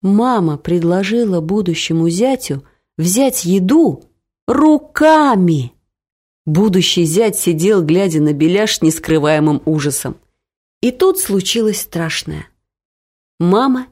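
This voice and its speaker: A woman narrates a comic story in a lively, expressive reading. Her pitch rises and falls widely through the telling. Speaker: audiobook reader.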